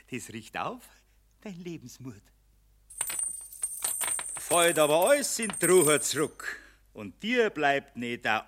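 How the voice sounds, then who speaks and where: A gloating Bavarian spirit of money who sneers and taunts in a radio play. The voice leaps wildly up and down in pitch and has a bright edge, while the delivery is slow and drawn out. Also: male voice. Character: mocking male spirit of money, Mammon, gloating. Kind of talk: broadcast radio play acting.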